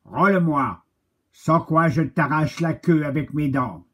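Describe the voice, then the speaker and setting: A man voicing a stern guard dog in a children's story, scolding in a husky voice. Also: on the high side, takes it slowly, a bit bright, full character voice.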